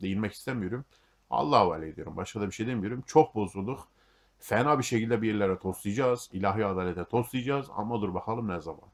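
Fast-talking, low-voiced, cursing man. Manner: blunt and heavy on profanity; grumbling and fatalistic. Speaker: YouTube monologue host. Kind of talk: casual storytelling monologue.

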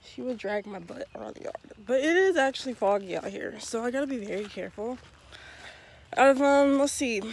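A woman's voice: a little high, slight background noise. A young woman chatting casually to her phone camera while walking outdoors, out of breath and joking about herself. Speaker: vlogger. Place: outdoors on a foggy neighborhood street. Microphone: handheld phone camera.

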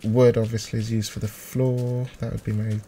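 Speaking at a normal speed in a warm, fairly low and level voice, a man hosts a gaming video, musing aloud through hesitant, casual let's play commentary. His close desktop microphone, set to high gain, also catches the clicking of his mouse and keyboard.

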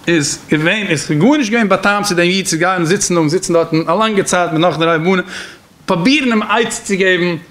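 A man with a Yiddish accent giving a Torah lecture as a rabbi, in a talmudic singsong with sudden swings in pitch. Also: fairly quick, fairly bright tone, slight background noise.

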